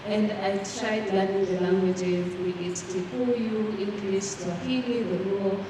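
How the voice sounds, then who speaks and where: A young Rwandan woman, serving as a student representative on a panel, answers a question earnestly with many fillers and restarts. Her medium-pitched voice stays fairly even and moves a little slowly. The recording comes from far off in an echoey hall, with background noise.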